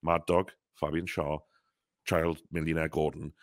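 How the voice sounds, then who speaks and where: A man with a low voice co-hosts a fan podcast, chatting casually and joking with an animated delivery. His voice sits deep, and the recording is dry and close with little room sound. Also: measured pace, no echo. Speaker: podcast co-host. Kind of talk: casual chat.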